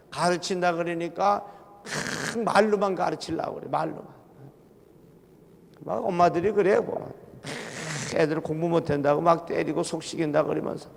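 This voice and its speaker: A middle-aged man preaches a revival sermon in a church, his voice gravelly and pitched a little high. He tells folksy, humorous stories with emphatic delivery, and a long reverb from the church hall trails each phrase. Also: moderate pace. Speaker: pastor. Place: church sanctuary.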